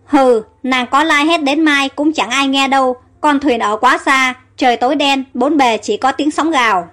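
A woman's voice: high voice, normal speed, a bit bright, soft background music. A woman voicing a proud, scheming young male prince with a mocking, self-assured manner in a storybook reading. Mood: gloating.

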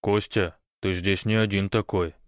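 A calm, easygoing big man with a low voice, played by a male audiobook reader in his own register. The sound is close and dry. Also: unhurried, dry recording, close to an everyday voice. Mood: cautious.

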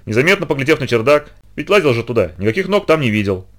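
A man narrating a story in the first person with an expressive, lively delivery. He reads at a brisk clip in a mid-range voice. It has the feel of a literary reading. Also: mid-range voice.

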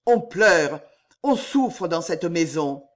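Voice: mid-range voice, lively intonation, slow. A reader voicing a passionate young male knight in an audiobook, speaking in urgent, agitated outbursts. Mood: anguished.

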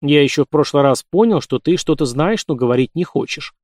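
A man voicing a calm, measured military investigator. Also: fairly high pitch, no room sound, clean studio sound, lightly acted. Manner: measured, deliberate. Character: calm male army investigator, a major.

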